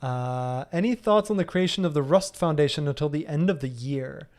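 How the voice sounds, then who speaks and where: A man's voice: a little high, moderate pace, a little mellow. A man in his thirties answering viewer questions casually in a live stream, thinking aloud with frequent ums and restarts. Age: 30s.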